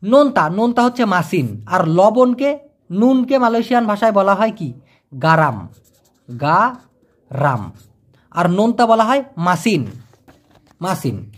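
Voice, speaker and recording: A man teaching vocabulary in a casual lesson, explaining each word with everyday examples and repeating pronunciations slowly. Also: sits high, animated. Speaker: language teacher.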